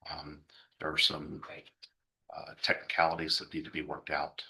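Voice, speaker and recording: Very deep gravelly male defense attorney. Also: monotone, normal speed, pushed and bright. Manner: hesitant, many fillers. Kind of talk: courtroom address. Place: courtroom.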